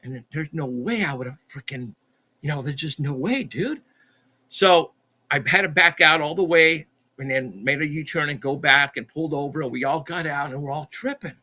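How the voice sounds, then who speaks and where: A middle-aged man, a podcast guest, telling a story in an animated, excitable way, stumbling and repeating himself as he acts out what people said. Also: fairly high pitch, normal speed. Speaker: podcast guest, Bigfoot researcher.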